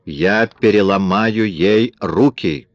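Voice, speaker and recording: A menacing gang boss drawls his threats slowly in a low, deep voice, as an audiobook reader puts him on. The recording is dry and muffled, close to the mic. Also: no room sound. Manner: slow, ominous and threatening. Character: menacing middle-aged male gang boss.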